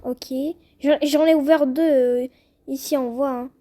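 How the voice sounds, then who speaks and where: Excitable high-pitched young woman gamer. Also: measured pace. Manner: chatty, excitable, addresses viewers directly. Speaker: gaming youtuber. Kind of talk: casual gameplay commentary.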